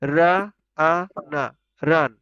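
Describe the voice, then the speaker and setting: A man's voice: a little high, level tone, fairly bright tone, clean tone, dry recording. Man drilling pronunciation syllable by syllable. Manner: drills sounds slowly syllable by syllable, asks students to repeat. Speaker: English pronunciation teacher. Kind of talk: online spoken English class. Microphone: online video call. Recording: dull lo-fi online call audio.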